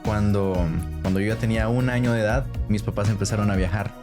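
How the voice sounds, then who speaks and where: A young man from Ecuador, a podcast guest, telling his story in a relaxed, hesitant way with many fillers. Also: fairly low pitch, fast, music in the background. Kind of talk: casual conversation.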